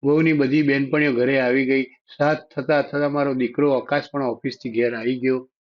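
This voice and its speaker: A man reading a sad story in the first person, in a steady, sorrowful storytelling manner. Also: medium pitch, moderate pace. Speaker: story narrator. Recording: dull lo-fi audio.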